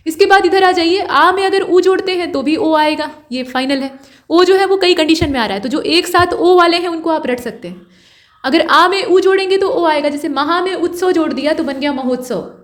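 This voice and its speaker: A woman teaching a grammar lesson for exam preparation, explaining step by step and repeating key points. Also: high voice.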